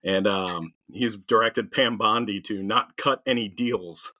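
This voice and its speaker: A man's voice: lowish voice, measured pace, bright, forceful tone. A man co-hosting a casual satirical news podcast, making wry jokes with hesitant starts. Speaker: podcast co-host.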